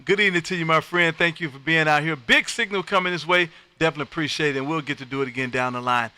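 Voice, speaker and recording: This is a man from Texas in the United States, running an amateur radio livestream full of easygoing chatter and call-outs, delivered effusively and folksily with repeated phrases. His fairly high, sharp voice moves quickly. The audio is smooth, with no room sound.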